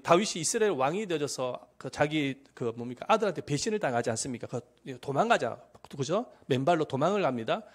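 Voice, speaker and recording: A man preaching a sermon as pastor, often asking the congregation questions and acting out quoted speakers. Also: on the high side. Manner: lively, asks the congregation questions.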